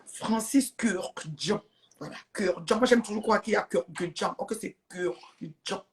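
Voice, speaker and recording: This woman keeps her live stream relaxed and chatty, with a medium-pitched voice at a moderate pace. She addresses a phone or webcam head-on, greeting viewers and thanking them amid bursts of laughter.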